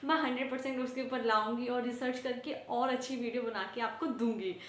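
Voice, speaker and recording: A woman's voice: on the high side, steady tone, fairly quick, a bit bright. A woman creator casually addressing her viewers in a video outro. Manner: friendly, direct to viewers. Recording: very echoey room.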